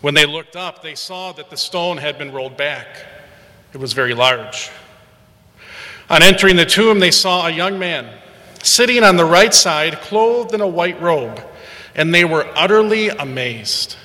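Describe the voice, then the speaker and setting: A man, a priest or deacon, reading the gospel aloud in a measured, solemn way, his voice ringing with a cathedral echo in a large church. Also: a little high, animated, sharp tone. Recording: long church reverb.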